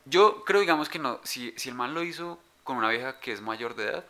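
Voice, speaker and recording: Bright-voiced podcast co-host. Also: male voice, medium pitch, expressive, fairly quick. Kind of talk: casual chat.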